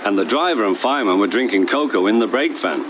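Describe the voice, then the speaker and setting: A man narrating a children's television story, with expressive storytelling that swings up at exciting moments. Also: lowish voice, quick pace, noisy background. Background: loud background music.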